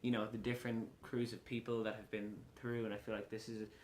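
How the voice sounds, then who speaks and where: A man in his late twenties with a west of Ireland accent, answering casually in an interview with frequent pauses. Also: fairly low pitch, little pitch movement. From Galway, west of Ireland. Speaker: lacrosse player being interviewed. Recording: echoey room with faint background noise.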